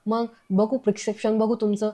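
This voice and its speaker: A woman voicing a sharp young man who keeps coaxing his relatives to see a doctor. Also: medium pitch, level tone, a little fast, close to an everyday voice. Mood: teasing. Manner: coaxing, insistent. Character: clever young man, persistent, teasing nephew.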